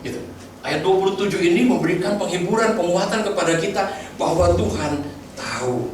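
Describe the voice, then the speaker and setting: A man's voice: sits high, lively intonation, fairly quick, darkish tone, recorded from a distance, a little hiss or hum. A male pastor preaching a sermon, asking the congregation many questions, often stumbling and restarting words. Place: church hall. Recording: very echoey church hall, voice from afar.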